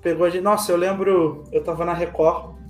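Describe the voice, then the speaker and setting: Animated man telling a story. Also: sits high, a little fast, echoey room, soft background music. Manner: lively storyteller, acts out quoted dialogue.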